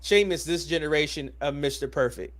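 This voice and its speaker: An American man hosts a casual wrestling podcast, talking fairly quickly in a slightly high, fairly bright voice. He speaks informally, using slang and steering the discussion with questions.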